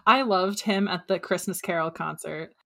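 A woman co-hosting a casual podcast, speaking in a measured, thoughtful way with frequent ums. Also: on the low side, creaky, fairly bright tone. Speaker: podcast co-host. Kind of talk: casual chat.

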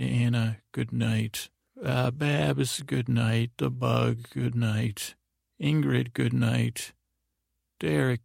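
Guy doing sleep story narration, super gravelly and unhurried, soothing rambly bedtime talk, really dry sound. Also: medium pitch, dry recording. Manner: calm, gentle, rambling. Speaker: sleep podcast host.

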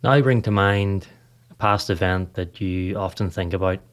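A man with a notably low voice, a podcast host serving as meditation guide, narrates a guided meditation. He reads the script calmly and at an even pace in short phrases, leaving unhurried pauses between them.

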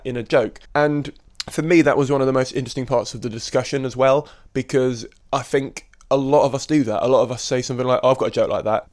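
Chatty young male podcast host. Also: medium pitch. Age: 20s. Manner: chatty, laughs often, gets animated when defending himself. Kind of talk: casual podcast chat.

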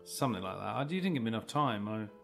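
A man co-hosting a podcast in casual chat, slow and thoughtful with dry replies. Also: fairly low pitch, animated, gravelly, a bit bright, faint music behind. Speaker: podcast co-host.

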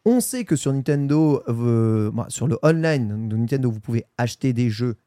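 A man's voice: medium pitch, expressive, moderate pace, warm tone, no room sound, clean studio sound. A man hosting a casual gaming podcast, chatty and playful, reading out chat polls and listener questions. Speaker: podcast host.

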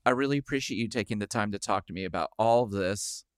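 A man's voice: fairly low pitch, fast, smooth, no echo, clean studio sound. A man hosting a podcast, earnest and enthusiastic, wrapping up an interview and reading the outro. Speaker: podcast host. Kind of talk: interview chat and scripted outro. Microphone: remote call recording.

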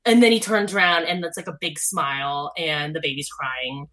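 A woman's voice: sits low, steady tone, normal speed, a bit bright. A young woman telling a personal story in a casual, chatty way, often saying "like" and acting out her own past thoughts.

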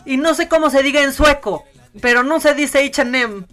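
Woman, radio host, sarcastic, mocking, bright forceful voice, casual chat. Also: high voice, moderate pace, soft background music. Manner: sarcastic, mocking, animated rants. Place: radio studio.

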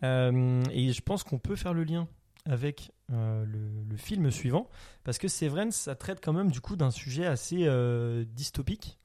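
Dark-voiced man chatting about films. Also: medium pitch, lively intonation, unhurried. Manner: enthusiastic, hesitant with many fillers, laughs often. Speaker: podcast co-host. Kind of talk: casual film chat.

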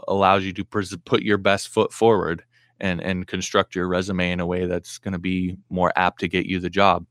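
A man's voice: low-pitched, a bit bright, no room sound, clean studio sound. A man hosting a casual live stream Q&A, reading viewer comments aloud and answering with blunt, practical advice, full of fillers and restarts.

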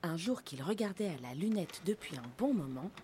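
A woman narrating a children's storybook in an expressive, lively manner. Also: on the low side, normal speed, slight background noise.

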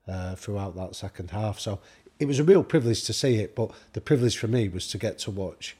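Here a man from the UK shares anecdotes as a guest expert on high performance, performing the lines of the people he quotes in a relaxed chat. His voice is on the low side, warm and husky, with lively intonation and a fairly quick pace.

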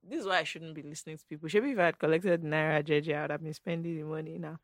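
A woman's voice: low-pitched, rapid-fire, no room sound, clean studio sound. A woman with a Nigerian accent hosting a podcast with blunt, teasing, casual banter. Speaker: podcast host.

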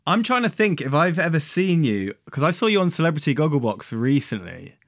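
A man's voice: on the high side, big pitch swings, brisk, a bit bright, no echo, clean studio sound. A man hosting a podcast in a casual, chatty style. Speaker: podcast host.

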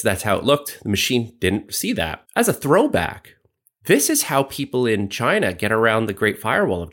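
Male co-host, lowish, very expressive delivery, explanatory talk. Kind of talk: explanatory discussion.

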